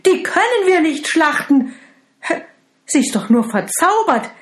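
Lady doing a scared meek dad, high and loud, stumbling, fairy tale. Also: sing-song, unhurried, reverberant, full character voice. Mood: alarmed. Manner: alarmed, pleading. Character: frightened, meek father.

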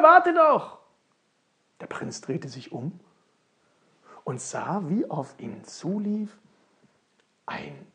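A storyteller reading a fairy tale aloud slowly, with stretches dropped to a soft whisper. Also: medium pitch, creaky.

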